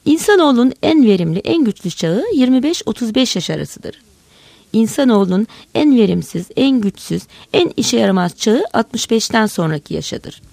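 A woman's voice: on the high side, very animated, moderate pace, gravelly, mellow, dry recording, full character voice. A woman as a pompous lecturing scientist. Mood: declaiming. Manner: declaiming like a lecture. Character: pompous male chorus leader, lecturing scientist.

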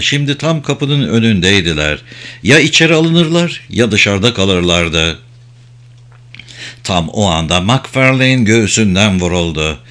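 A man reading an audiobook aloud, narrating in a measured, dramatic way. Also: on the low side, sharp tone.

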